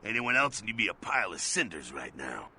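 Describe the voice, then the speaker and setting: A man voicing a gruff, streetwise male vampire helper in a video game, talking in an urgent, blunt and sardonic way. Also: lowish voice, big pitch swings, a little fast, bright, forceful tone, a little hiss or hum, exaggerated voice.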